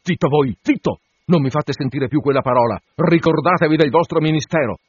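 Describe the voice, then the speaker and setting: A man's voice: fairly high pitch, a little fast, breathy edge, voice pushed up. A man doing a hearty chuckling country curate. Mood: scolding. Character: jovial country curate, middle-aged man, fond of hunting. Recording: dull, dry recording.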